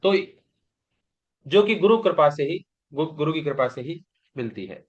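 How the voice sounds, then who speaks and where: A man's voice: fairly high pitch, animated, measured pace. A man teaching a recorded yoga exam-prep lecture, explaining patiently and often asking and answering his own questions. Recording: dull lo-fi class recording.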